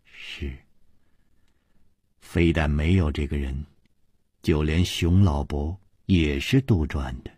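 A man voicing a sorrowful ailing woman in a storytelling performance, speaking quietly and subdued. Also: very deep voice, slow pace, pauses often, husky, dry recording, clean studio sound, voice pushed down, exaggerated voice. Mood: calm. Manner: quiet, subdued, sometimes whispered.

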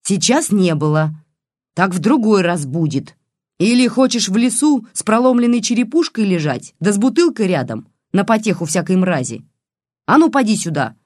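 A woman's voice: deep voice, sing-song, normal speed, dry recording, studio quality. A reader voicing a furious one-eyed old village woman who scolds and curses shrilly. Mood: scornful. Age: older.

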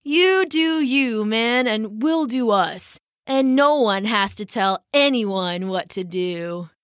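A woman's voice: fairly high pitch, slow pace, no echo, studio quality. A woman doing a laid-back tree frog. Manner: relaxed, casual slang.

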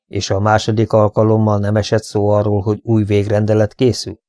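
A man reading an audiobook, playing a dry, measured older detective who asks careful questions. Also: fairly low pitch, monotone, mellow, no room sound, close to an everyday voice.

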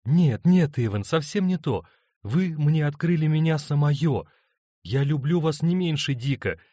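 A tender young wife, torn between two loves, pleads and hesitates in a lifted, softened voice, as a man puts her on. Her words come emotional and uncertain in a storybook reading. The recording is dry and close. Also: on the high side, lively intonation, a little slow, no room sound, voice pushed up.

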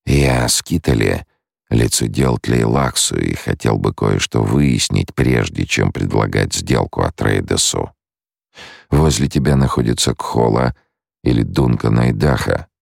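A man voicing a cunning male shapeshifter who bargains slowly and menacingly in an audiobook. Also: very deep voice, gravelly, no echo, clean studio sound, faint music behind, full character voice. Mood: scheming. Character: cunning male face dancer, scheming menace.

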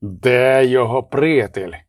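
A sinister male assassin with a rasping, distant-sounding voice, as a man reads him for an audiobook. He speaks slowly and coldly, each threat measured. The recording is dry and close. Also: mid-range voice, dry recording, close to an everyday voice. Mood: menacing. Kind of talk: audiobook character reading.

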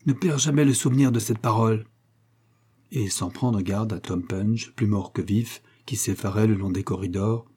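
A man narrating an adventure novel in a measured, even reading. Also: lowish voice, slightly rough. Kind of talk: audiobook narration.

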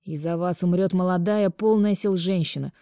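Calm grave male doctor read by a female narrator, measured delivery, dry close sound. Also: on the low side, clear, resonant tone, no room sound, close to an everyday voice. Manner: measured, sorrowful. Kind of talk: audiobook character reading.

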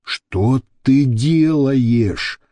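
A nervous thug pleads and hisses in a low, hushed voice, as a male narrator plays him. The sound is dry and close, with no room around it. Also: big pitch swings, measured pace, dry recording, full character voice.

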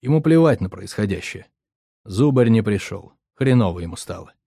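A man's voice: on the low side, animated, normal speed, vocal fry, warm tone, breathy edge, dry recording, clean studio sound. Brooding male audiobook narrator. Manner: brooding first-person narration.

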